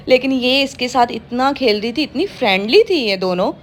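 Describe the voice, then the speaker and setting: Gushing woman with a higher voice. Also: sing-song, moderate pace, slight background noise. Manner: gushing and affectionate, with frequent laughter. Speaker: pet vlogger. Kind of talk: casual vlog narration.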